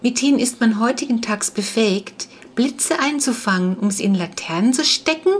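A woman's voice: medium pitch, normal speed, lightly acted. A woman reading the part of a polite vampire boy who slept for centuries, speaking in a courtly, archaic, wondering manner.

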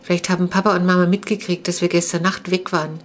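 A woman's voice: on the low side, level tone, quick pace, a little hiss or hum, lightly acted. A woman reading the lines of a young sister urgently waking her brother in a storybook. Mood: uneasy. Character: young sister, hurried and anxious.

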